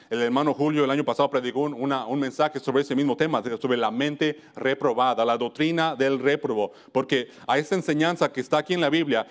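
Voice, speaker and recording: A man from Wisconsin preaching a church sermon, earnest, often stopping to restart and correct himself mid-phrase. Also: medium pitch. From United States (Wisconsin).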